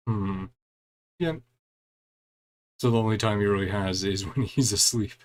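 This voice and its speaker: This man speaks a little slowly in a lowish voice. He's a streamer playing a story quest, giving relaxed, talkative let's-play commentary as he reads the dialogue out loud and mutters brief reactions in between.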